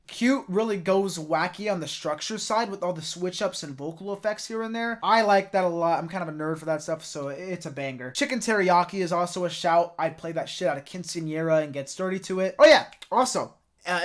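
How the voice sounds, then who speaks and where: A man's voice: high voice, a little fast. An American man giving a casual, jokey rundown of his favourite albums, swearing freely and stumbling over his words now and then. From United States. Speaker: music reviewer. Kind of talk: casual album-ranking commentary.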